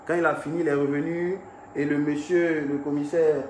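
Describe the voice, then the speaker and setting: A young man telling his viewers about an incident. He talks in an animated way and swings between hushed and raised speech. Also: on the high side, normal speed. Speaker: artist recounting an incident. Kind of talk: storytelling to viewers. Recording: echoey room with faint ambient noise.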